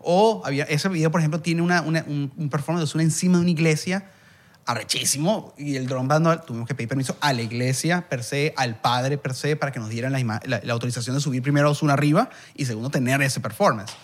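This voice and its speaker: Fast-talking Venezuelan man telling stories. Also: on the high side. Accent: Venezuelan Spanish. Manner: animated, acts out quotes, swears freely. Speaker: guest, music video director. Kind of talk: casual podcast storytelling.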